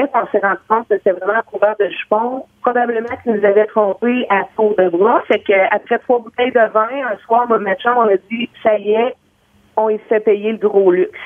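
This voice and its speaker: A woman caller with a Quebec French accent who talks fast and excitedly while telling a story on a call-in show. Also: fairly high pitch. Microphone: phone. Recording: tinny phone line.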